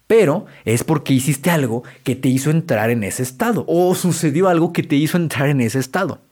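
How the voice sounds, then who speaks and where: A Mexican Spanish man delivers a motivational self-help monologue, speaking in a fairly high voice. He talks straight to the listener in a casual, direct way. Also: fairly quick, darkish tone. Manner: direct, conversational, addresses listener as tú. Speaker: self-help podcast host.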